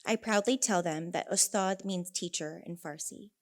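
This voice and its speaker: A young woman with a California accent and a low-leaning voice speaks at a moderate pace. She's an elementary teacher from Northern California presenting a prepared speech at a conference, earnest and anecdotal, with wry asides mixed in.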